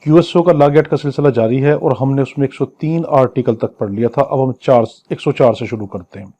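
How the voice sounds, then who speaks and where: A law lecturer with a Pakistani accent delivers an exam lecture, working through legal text phrase by phrase. His mid-range, warm voice stays didactic as he repeats and paraphrases points and shifts into slow English readings.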